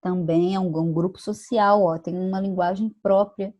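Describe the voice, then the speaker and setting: A woman's voice: mid-range voice, fairly even intonation, moderate pace, darkish tone. Brazilian teacher woman explaining. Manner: explanatory, checks understanding with "tá bom?" and "né?"; acts out regional phrases in quoted voices. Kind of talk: online class lecture.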